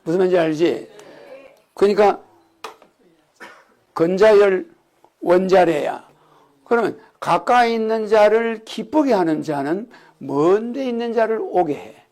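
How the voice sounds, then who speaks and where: A man's voice: high-pitched, unhurried, long pauses, darkish tone. A man giving a rambling sermon-style religious lecture, often checking in with the audience with "you know what I mean?". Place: lecture hall.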